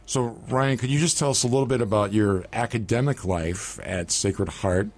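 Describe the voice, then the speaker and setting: A man with a fairly low voice hosts a radio talk show as a seminary rector. He speaks in a measured, earnest manner, introducing guests and asking questions in a studio setting.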